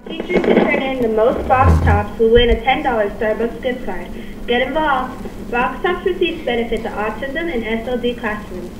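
High woman's voice over a school intercom. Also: moderate pace. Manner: upbeat, sing-song sign-offs. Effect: over a school intercom speaker. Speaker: school announcer. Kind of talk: reading school announcements. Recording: echoey, distant, noisy intercom.

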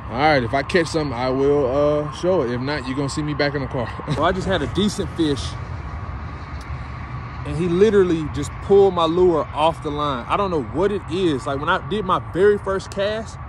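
A man, chatting casually in a vlog, relaxed and rambling, cussing freely. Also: a little high. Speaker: vlogger. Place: in a parked car, then outdoors by a lake. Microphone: phone held at arm's length. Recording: noisy outdoor phone recording.

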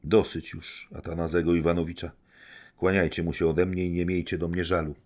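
A man's voice: low voice, flat delivery, brisk, a little mellow. A man reading an audiobook, voicing an imperious, defiant young society woman in a raised, commanding tone. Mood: bitter.

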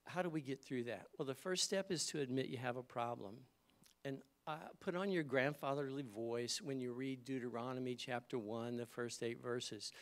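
A man's voice: medium pitch, moderate pace. A middle-aged man giving a church sermon to a congregation in a conversational, storytelling way. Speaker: guest speaker. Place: church service.

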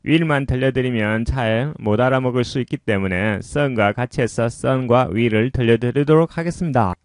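A man teaching pronunciation in a patient, explanatory way, his voice at a middle pitch. The recording is dry and close, with no room sound around it. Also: dry recording. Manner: patient and explanatory, often pausing with "자".

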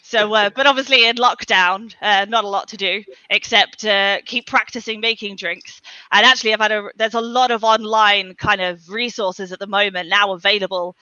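A woman's voice: medium pitch, steady tone, moderate pace, pushed and bright, no room sound. Upbeat woman on a dull webcam. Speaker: bartender guest. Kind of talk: casual video call chat. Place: room at home. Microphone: video call webcam.

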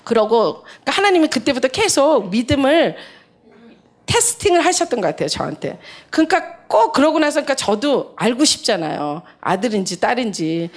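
Animated storytelling woman, lively pitch. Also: fairly quick. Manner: animated storyteller, acts out dialogue with big pitch jumps and laughter. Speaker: missionary giving a testimony. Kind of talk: church testimony, storytelling.

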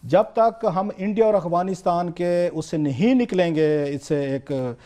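A man's voice: high voice, a little slow, warm tone. A man with a Pakistani accent, a political commentator arguing his point on a TV talk show with urgent, repetitive emphasis.

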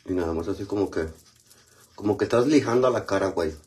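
A man's voice: deep voice, fast talker, a little mellow. A man with a Mexican accent chatting casually on a livestream, greeting viewers by name and using lots of slang while he goes through his skincare routine. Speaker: livestream host.

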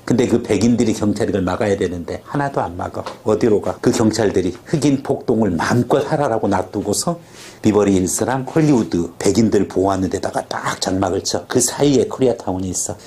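A male teacher with a low, mellow voice leads a vocabulary class. He keeps quizzing the room and drilling pronunciation, and he wanders off into long stories between words. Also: a little fast, a little hiss or hum. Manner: talkative, drifts into stories.

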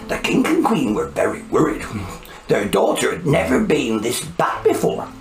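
A woman reading a children's storybook aloud in an animated, sing-song way. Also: low voice, normal speed, echoey room, over music.

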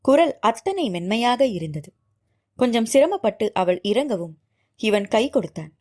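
ஒரு பெண் ஒலிப்புத்தகத்தில் காதல் நாவலை உணர்ச்சிகரமாக நாடகத்தன்மையுடன் வாசிக்கிறார். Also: female voice, on the high side, moderate pace. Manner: expressive, dramatic storytelling. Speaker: audiobook narrator. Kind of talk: reading a romance novel aloud.

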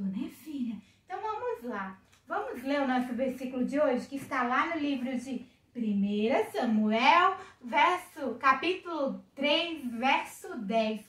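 A young Brazilian woman gives a children's Bible lesson to her little daughter, exclaiming and coaxing in a sing-song way. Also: sits high. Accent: Brazilian Portuguese. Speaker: mother teaching a Sunday school lesson. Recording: echoey room, distant mic.

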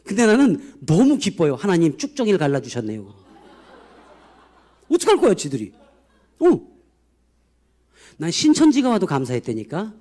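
An older man, a pastor and former comedian, giving a sermon testimony in an animated storytelling manner, acting out dialogue with comic self-mockery. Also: high voice, normal speed, long pauses. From South Korea.

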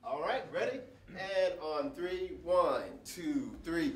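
Coaching a group through breath and voice warm-ups, a workshop leader with a slightly high, animated voice speaks at a slow pace, offering brief encouragement and often asking "right?". He uses a handheld mic in a big room before an audience, occasionally off-mic. The sound is echoey, distant and noticeably noisy.

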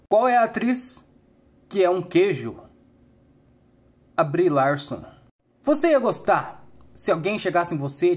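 Young Brazilian male, husky, lively intonation, delivering corny dad jokes deadpan. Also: high-pitched. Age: young adult. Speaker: comedy channel host. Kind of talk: telling dad jokes, riddle setup and punchline.

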